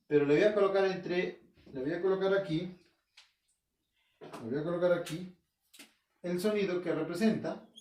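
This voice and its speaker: The man's voice sits high with a darkish tone as this Peruvian school language teacher, speaking with an Arequipa accent, delivers a recorded home-learning class. He poses questions and answers them, repeats key terms, and checks in with his listeners, heard distantly in a roomy echo.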